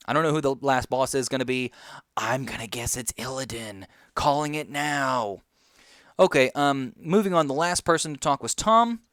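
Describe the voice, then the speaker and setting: A man talks through a game announcement in a loose, rambling way, stopping for plenty of ums and uhs. His voice sounds smooth and resonant. The recording is dry and close, with no room sound. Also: mid-range voice, fairly bright tone, dry recording. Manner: rambling, lots of ums and uhs, chewing gum. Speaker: gaming commentator. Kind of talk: casual video game commentary.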